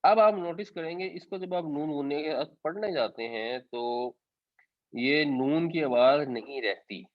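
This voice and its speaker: A man's voice: a little high, no room sound. A man explaining scripture as a teacher in a patient lesson, slipping English words into his talk. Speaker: Quran teacher. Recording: dry, slightly dull recording.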